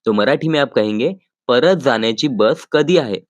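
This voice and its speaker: A man with a mid-pitched voice teaches phrases in a calm, patient lesson. He repeats each line slowly and speaks directly to his viewers. The recording is close and dry, with no room echo. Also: dull audio. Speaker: language teacher. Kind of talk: explaining vocabulary in a lesson.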